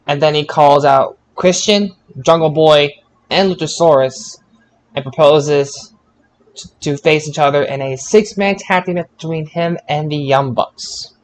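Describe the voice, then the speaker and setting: In a casual wrestling show recap, a podcast co-host banters loosely and sometimes stumbles over his words. His pitch is fairly high and his pace unhurried, on a low-quality recording.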